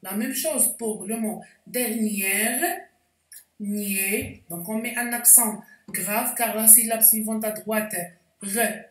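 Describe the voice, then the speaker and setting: A woman teaching a spelling lesson, explaining slowly and carefully with frequent hesitations. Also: on the high side. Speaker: French teacher. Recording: echoey room, voice distant from mic.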